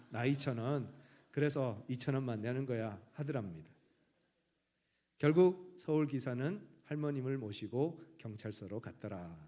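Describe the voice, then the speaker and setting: A male pastor from the Gyeongsang region preaching a sermon earnestly, letting his sentence endings fall soft and quiet. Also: mid-range voice. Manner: earnest, trailing off softly at sentence ends.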